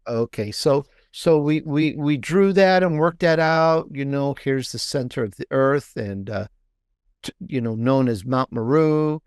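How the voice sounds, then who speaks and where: This man, interviewed on video against a backdrop of books, talks as a guest author with enthusiastic, rambling explanations. He speaks at a measured pace in a smooth, medium-pitched voice, recorded in studio quality with no room sound.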